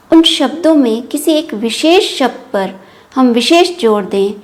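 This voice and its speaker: A woman's voice: fairly high pitch, a little mellow. A middle-aged woman giving a formal academic lecture on logic, explaining step by step with frequent hesitation fillers.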